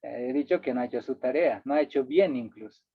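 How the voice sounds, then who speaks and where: A man's voice: mid-range voice, brisk, slightly rough, dry recording. A middle-aged man teaching a workshop, checking in with the audience through tag questions and repeating words for emphasis. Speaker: workshop instructor. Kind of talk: lecturing to a workshop. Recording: dry, tinny phone-like line.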